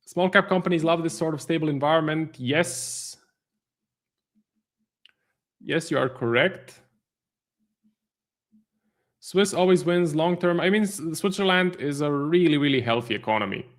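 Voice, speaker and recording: A man's voice: on the high side, measured pace, long pauses. A man, a trading stream host giving live market commentary, thinking aloud with many fillers and restarts. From Croatia.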